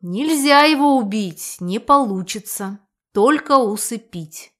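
A woman's voice: a little high, expressive, slow, fairly bright tone. Woman voicing a curt young male mage, exasperated, audiobook figure.

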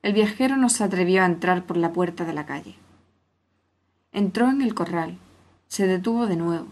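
A woman narrating a classic story aloud in a steady, clear reading voice. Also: lowish voice, moderate pace.

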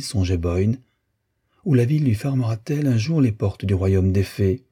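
Male narrator, low, very dark and husky, measured literary reading. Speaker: audiobook narrator.

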